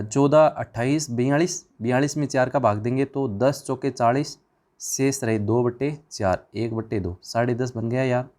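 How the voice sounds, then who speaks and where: A man's voice: medium pitch, darkish tone. A man teaching an exam revision class, firing questions at the students and answering them himself in a chatty, informal way.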